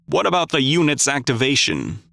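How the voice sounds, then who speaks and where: A man voicing a calm, authoritative leader of a mercenary group. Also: medium pitch, a little fast, vocal fry, dry recording, full character voice. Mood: commanding.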